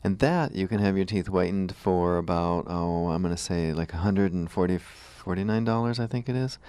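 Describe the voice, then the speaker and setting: A man's voice: low-pitched, normal speed, mellow, clear, resonant tone, dry recording. A man hosting a conversational radio show, explaining things in an informal way. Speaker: radio show host, dentist.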